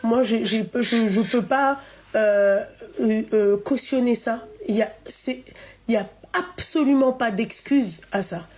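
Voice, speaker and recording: Une femme qui anime un direct en ligne et sermonne une appelante avec insistance, en se répétant. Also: female voice, a little high, unhurried, a little mellow. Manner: scolding, emphatic, repeats herself. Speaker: live stream host. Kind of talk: live call-in chat.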